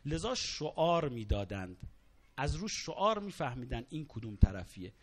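Dramatic male preacher with lively pitch. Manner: dramatic storytelling, rising to cries and quoted Arabic. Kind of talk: sermon narrating a martyrdom account.

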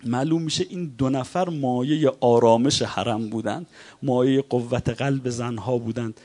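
A man preaching a religious sermon as a story. He chants quoted lines and then retells them plainly, and his voice swells louder at the dramatic peaks. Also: medium pitch.

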